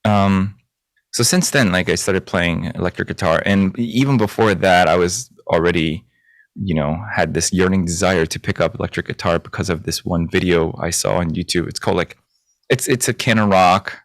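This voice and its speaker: A man, a guest chatting casually in an interview and often pausing on fillers. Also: low voice, no echo, studio quality. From South Korea. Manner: hesitant, many fillers and restarts, animated when recounting. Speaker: guest guitarist and music producer.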